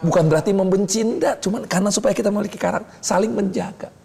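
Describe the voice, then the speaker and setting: Animated man preaching in a reverberant hall. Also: creaky. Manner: keeps asking the audience "betul tidak?" and pausing for answers; animated, swings between high exclamations and low asides. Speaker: preacher teaching a discipleship class. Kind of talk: lively sermon with call-and-response questions.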